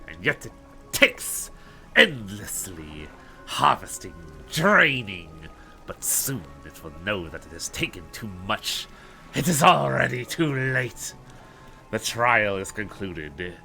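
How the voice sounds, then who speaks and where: An unhinged, grandiose cult leader villain from a video game, played by a man. The delivery is strained, theatrical and ominous, with a sharp, forceful tone and sweeping intonation over light music. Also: fairly low pitch, vocal fry, exaggerated voice, low-quality recording. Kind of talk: dramatic read-aloud of game dialogue.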